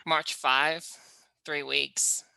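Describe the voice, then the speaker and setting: A man's voice: a little high, little pitch movement, very slow, creaky, pushed and bright, smooth, no echo, poor audio. A man from Canada chatting casually as an interview guest, answering briefly and matter-of-factly. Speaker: interview guest, reality show superfan. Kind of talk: casual chat.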